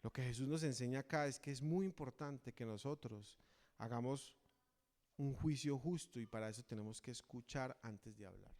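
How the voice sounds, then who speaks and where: A man preaches in a church, his voice ringing out with a long reverb trailing after each phrase. He speaks at a mid pitch and keeps turning to rhetorical questions, earnest and direct. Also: normal speed, darkish tone. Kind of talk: sermon.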